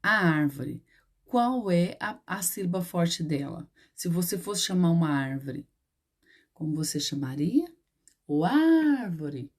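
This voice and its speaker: Brazilian schoolteacher, female, slightly low voice, patient and explanatory with lots of check-ins. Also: expressive, measured pace, husky. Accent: Brazilian Portuguese. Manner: patient, explains step by step with frequent "né?" and "certo?". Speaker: primary school teacher. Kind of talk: remote lesson for children.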